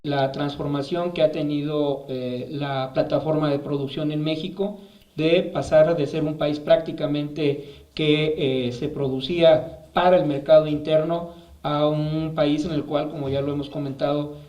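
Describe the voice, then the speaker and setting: A man giving an interview answer in a measured way, pausing on fillers. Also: fairly high pitch, steady tone, warm tone. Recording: roomy, distant mic.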